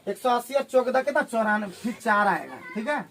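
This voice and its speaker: A man teaching a maths class, firing questions at his students and working sums out loud. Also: very high-pitched, expressive, slight background noise. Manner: drills students with rapid questions while calculating aloud. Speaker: maths tutor.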